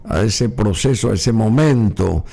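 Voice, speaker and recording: A male host, asking questions courteously and filling pauses with murmured agreement. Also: lowish voice, expressive, vocal fry, dark tone. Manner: frequent murmured backchannels, formal and courteous. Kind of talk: interview hosting. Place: studio.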